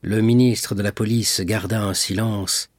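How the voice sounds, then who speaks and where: Husky-voiced man narrating an audiobook. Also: on the low side, dry recording, studio quality. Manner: steady, measured storytelling. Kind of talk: scripted narration.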